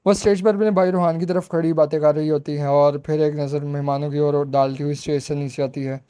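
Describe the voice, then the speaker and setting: A man reading a romance novel aloud as narrator, with steady storytelling. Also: on the high side, fairly quick, smooth.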